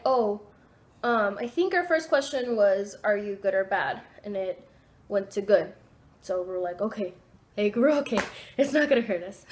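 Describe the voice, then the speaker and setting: A young woman telling a storytime vlog from her home kitchen, rambling and excitable, with lots of fillers and restarts. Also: medium pitch. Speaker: vlogger.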